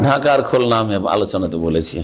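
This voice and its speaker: A man's voice: fairly low pitch, animated, quick pace. A man giving a religious lecture on a hadith, explaining in a teaching tone, quoting Arabic and putting rhetorical questions to his listeners. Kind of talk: hadith lesson sermon.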